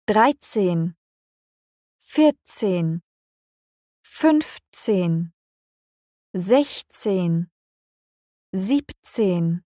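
A woman narrating a scripted language lesson, slow, expressive and clearly articulated, recorded on a studio microphone. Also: mid-range voice, no room sound.

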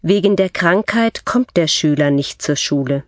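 A woman reading scripted textbook dialogue for a language course with slow, clear enunciation. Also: low-pitched, expressive, no room sound, clean studio sound.

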